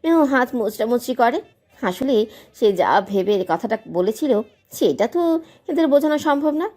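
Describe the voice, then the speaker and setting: A woman's voice: fairly high pitch, moderate pace. A woman narrating a dramatic audio love story with emotive delivery. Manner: emotive, expressive.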